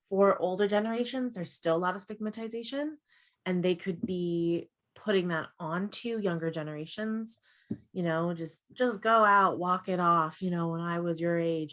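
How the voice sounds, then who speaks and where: Speaking with a fairly low pitch and a fairly bright tone, a young adult woman serves as a mental health guest expert in a webinar chat. She explains things earnestly, frequently tagging her points with "right?".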